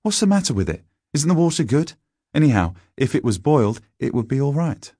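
A man's voice: mid-range voice, sing-song, brisk, warm tone, slightly rough, no room sound, studio quality, pitched above the performer's own voice. A man voicing a rude, headstrong British schoolboy Scout in a storybook, brash, scoffing and impatient. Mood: rude, scornful.

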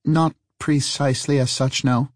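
A man voicing a brisk, secretive woman driver with clipped, old-fashioned phrasing. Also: mid-range voice, steady tone, no echo, clean studio sound, voice pushed up, lightly acted. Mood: tense, urgent.

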